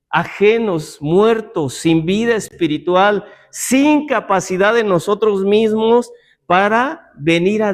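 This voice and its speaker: A man with a notably high voice leads a Bible class in a church meeting room. He teaches in a chatty, informal way, mixing doctrine with jokes and rhetorical questions aimed at the class.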